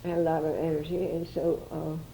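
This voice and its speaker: A woman's voice: low-pitched, level tone, moderate pace, mellow, slight background noise, low-quality recording. An older woman reminiscing chattily as an interviewee, with frequent restarts.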